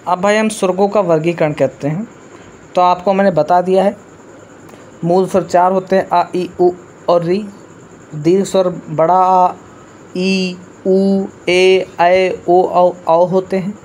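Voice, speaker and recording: A man with a high voice runs an exam-prep lesson. He drills each point over and over, quizzing his listeners and calling them "brother" as he goes. A faint background hum sits under the recording. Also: little pitch movement, takes it slowly, a little mellow. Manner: repetitive drilling with quiz questions; addresses listeners as bhai. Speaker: teacher.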